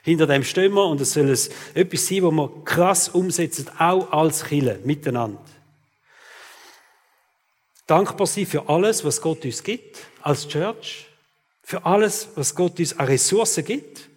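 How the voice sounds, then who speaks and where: A man's voice: on the high side, measured pace, big-room sound. A man, preaching a sermon as pastor and talking straight to his listeners, often tagging his sentences with "oder?". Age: 40s.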